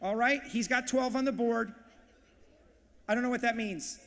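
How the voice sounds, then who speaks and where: A man working as auctioneer and emcee at a live charity event, calling bids in a rapid, punchy, hyped way. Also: extremely high pitch, fairly bright tone, long reverb tail. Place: large banquet hall, live audience.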